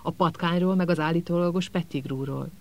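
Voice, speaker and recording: A man's voice: fairly high pitch, steady tone, lightly acted. A man voicing a cold, contemptuous male teacher who hisses and sneers in an audiobook. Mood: sneering. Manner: hissing, contemptuous.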